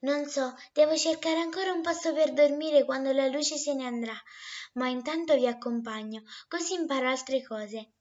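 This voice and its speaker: A woman voicing a small, curious and timid young potato girl in a storybook, high and eager. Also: moderate pace, darkish tone, muffled recording, close to an everyday voice.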